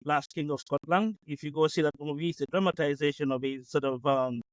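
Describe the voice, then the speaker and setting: A man in his late forties, originally from Uganda, speaks quickly as an interview guest. He stumbles through fillers and restarts his sentences often. The sound is dry and close, with no room behind him. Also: a little high, steady tone, dry recording, low-quality recording. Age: late 40s. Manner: hesitant, many fillers and restarts. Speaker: guest entrepreneur. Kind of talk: conversational interview.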